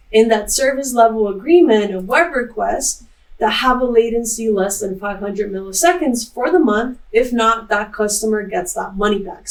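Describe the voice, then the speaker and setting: A woman's voice: on the high side, recorded from a distance. Upbeat woman presenting in a roomy space. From Costa Rica. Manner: explanatory, upbeat, steady presenting. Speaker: conference speaker, chaos engineer. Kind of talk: recorded tech conference talk. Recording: roomy, mic set back from the speaker.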